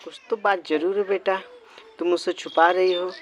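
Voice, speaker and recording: A man's voice: sits high, fairly even intonation, normal speed, a little hiss or hum. A man putting on a fussing village mother. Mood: scolding. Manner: scolding, fussing.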